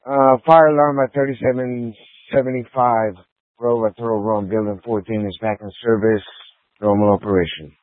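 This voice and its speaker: Man on police radio, flat monotone, dry tinny channel. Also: fairly low pitch, normal speed, no echo. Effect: police radio transmission. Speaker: field unit on police dispatch radio. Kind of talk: terse radio codes.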